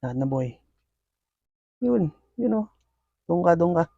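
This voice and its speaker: A man's voice: on the high side, a little slow, creaky, breathy edge, no echo, highs cut off. A man, chatting casually to his viewers while he feeds his pet scorpions and calls the action. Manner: excited play-by-play with frequent fillers, addressing viewers. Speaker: pet scorpion keeper and video host. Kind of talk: casual commentary while feeding pets.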